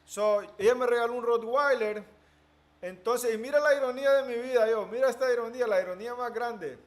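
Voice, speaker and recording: A man talking in a casual conversation as an interviewee, telling animated stories and slipping English words into his speech. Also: extremely high pitch, a little fast.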